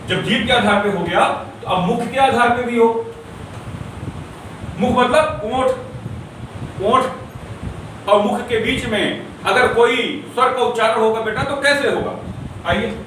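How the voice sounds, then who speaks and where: High-voiced male teacher in echoey classroom. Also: fairly bright tone, a little hiss or hum. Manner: repeats sounds slowly, checks understanding with students. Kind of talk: classroom grammar lecture. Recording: echoey room, voice from far off.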